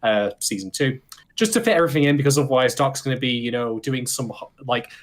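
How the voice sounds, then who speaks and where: A man from the UK co-hosting a casual podcast chat, sarcastic and quick to swear. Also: mid-range voice, lively intonation. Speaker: podcast co-host.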